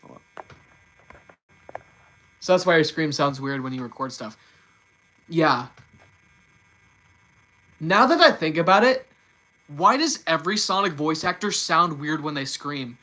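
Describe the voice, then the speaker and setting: A young man hosting a casual live stream, talking fast and often repeating and restarting his words. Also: on the high side, lively intonation, pushed and bright, poor audio. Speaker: livestream host.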